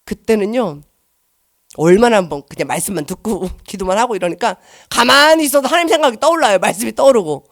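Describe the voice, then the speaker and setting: A middle-aged woman giving an emotional church testimony, earnest and shifting between soft and loud. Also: mid-range voice, animated, fast, no room sound, studio quality.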